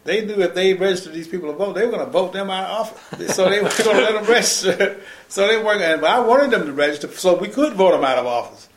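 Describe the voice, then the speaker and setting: A former civil rights organizer, now an older man, shares his story in an oral history interview. He speaks fast and emphatically in a high voice, restarting and circling back to drive his point home. The room echoes noticeably, with slight background noise.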